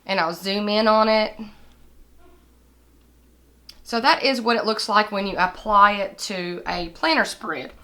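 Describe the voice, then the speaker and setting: Seated at an indoor desk set up with lighting kit, a woman planner vlogger chats through a casual haul, holding items up to the camera. Her medium-pitched voice is hoarse and scratchy from recovering a lost voice, pushed and bright, unhurried, with frequent pauses.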